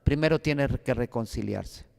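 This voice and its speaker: Sacerdote mexicano de voz rasposa. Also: male voice, medium pitch, moderate pace, a little mellow, in a large hall. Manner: earnest, exhortative, anecdotal. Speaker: priest teaching a Bible course. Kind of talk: Bible class lecture.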